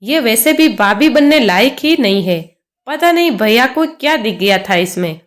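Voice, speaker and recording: A woman's voice: a little high, lively intonation, moderate pace, pitched below the performer's own voice, natural voice. A woman voicing a spiteful young sister-in-law who taunts in a snide way.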